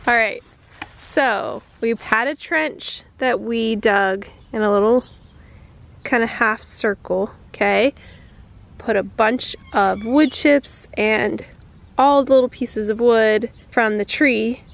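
A woman in her thirties from the United States, a homestead vlogger, chats casually to a handheld camera held at arm's length outdoors on a backyard farm. Her voice is fairly high, slow, and marked by vocal fry. She's chatty and self-deprecating, laughing often at herself as things go wrong.

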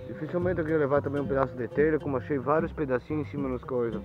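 Brazilian man vlogging, higher-pitched, dull sound. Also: very fast, over music. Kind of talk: casual exploration vlog, talking to viewers. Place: outdoors in overgrown woodland. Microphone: handheld camera at arm's length. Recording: dull lo-fi outdoor camera sound.

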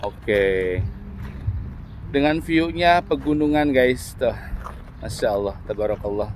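A man's voice: medium pitch, animated, slow, darkish tone, slight background noise. A man in his thirties chatting to viewers in a casual travel vlog, filming himself at arm's length outdoors at a rest stop. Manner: chatty, addresses viewers as guys. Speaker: vlogger. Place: outdoors at a roadside rest area. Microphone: handheld camera at arm's length.

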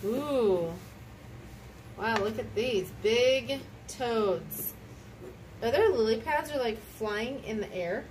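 During a relaxed picture-book read-aloud with a child, a woman exclaims and asks questions to draw the child in. Her voice is a little high, with lively intonation and a slow pace. She's far from the mic, and there's noticeable background noise.

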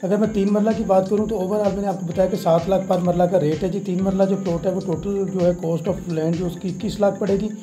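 A man's voice: high voice, steady tone, a little fast, few pauses, mellow, faint music behind. A man narrating a walking property tour outdoors, reeling off prices and repeatedly addressing viewers. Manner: repetitive, reels off prices, frequent "viewers" and "ji". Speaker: property dealer giving a site tour. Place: outdoors in a housing development.

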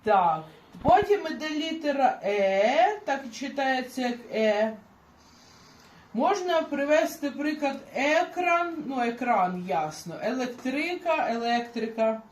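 A woman teaching a beginner language lesson, explaining slowly and patiently with examples. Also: high-pitched, animated, reverberant, highs cut off.

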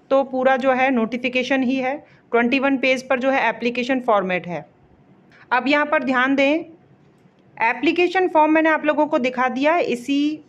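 A woman explaining a job vacancy notice in a casual walkthrough, pausing on fillers and reading official names slowly. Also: sits high, lo-fi sound. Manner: explanatory, repeats fillers and pauses mid-phrase; reads English names slowly, word by word.

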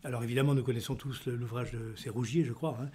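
An older man, both podcast host and politician, conducts an interview from an indoor office, speaking into a desk studio microphone. His medium-pitched voice moves fast with fairly even intonation, a little mellow with a breathy edge. He asks long, formal questions padded with hesitant fillers.

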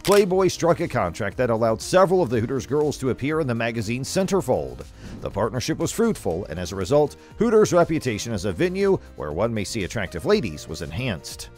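Lively male documentary narrator. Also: medium pitch, a little fast, soft background music.

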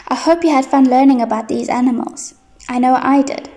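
A young woman teaching small children in a bright, sing-song, encouraging manner, like a cheery kids' host. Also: sits high, brisk, soft background music. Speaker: children's teacher presenting a video lesson. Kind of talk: children's educational lesson.

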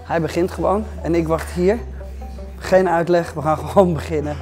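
A man's voice: steady tone, moderate pace, darkish tone, soft background music. A man in his thirties hosting a casual gym vlog, joking and plugging a sponsor, recorded in a large gym. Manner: chatty, joking, pitches sponsor. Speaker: vlog host.

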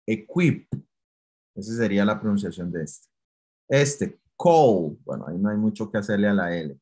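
A man teaching English to Spanish speakers in an online class, explaining patiently, step by step, with many fillers. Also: on the low side.

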